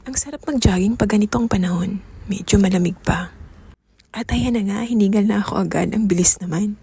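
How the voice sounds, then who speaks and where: A woman's voice: mid-range voice, a little fast, warm tone, slightly rough. A woman with a Filipino accent narrating a casual vlog in a chatty, playful, self-teasing way. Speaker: vlogger.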